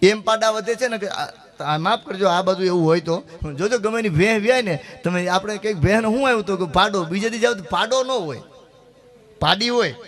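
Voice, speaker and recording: A middle-aged man, telling rustic folk jokes on stage and switching quickly into the voices of his characters. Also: sits high, fairly bright tone. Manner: rapid rustic joke-telling with dialogue voices. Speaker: folk comedian. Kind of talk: stage folk humor storytelling.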